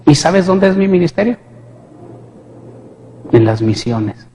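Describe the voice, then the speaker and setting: Male preacher, impassioned testimony sermon, slightly higher-pitched voice over a faint hum. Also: lively intonation, slow pace. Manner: impassioned, swings from hushed to shouting; addresses the congregation with questions.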